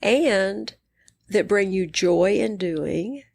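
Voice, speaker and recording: A woman's voice: mid-range voice, expressive, extremely slow, gravelly, slightly rough, no room sound. A middle-aged woman with a West Texas accent speaking conversationally as an interview guest, earnest, encouraging and emphatic. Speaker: psychiatrist and coach interviewed as guest.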